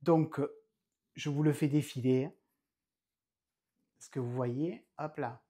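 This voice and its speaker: A man's voice: fairly high pitch, steady tone, takes it slowly, mellow, slightly rough. A man hosting his own knitting podcast indoors at home, chatting casually and rambling with frequent hesitations. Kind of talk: casual chat.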